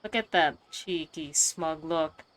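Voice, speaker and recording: A woman with a deep, slightly bright voice speaks slowly as she plays a video game, giving casual commentary and absent-mindedly thinking aloud. Faint game music can be heard behind her, with a little hiss or hum in the recording.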